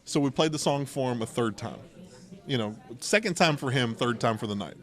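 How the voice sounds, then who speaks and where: At a local game store, a middle-aged American podcast host tells casual stories with many digressions and asides. His mid-range voice is expressive, fairly quick and fairly bright.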